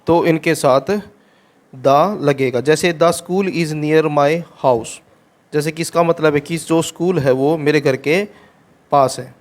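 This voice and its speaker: A man teaching an English grammar exercise, patiently repeating each rule in simple steps and reading the example sentences slowly and clearly. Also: fairly high pitch.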